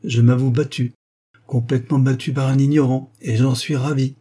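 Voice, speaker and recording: A man reading the part of a measured, good-humoured doctor in a story. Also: mid-range voice, warm tone, slightly rough. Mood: jovial. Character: jovial learned male doctor.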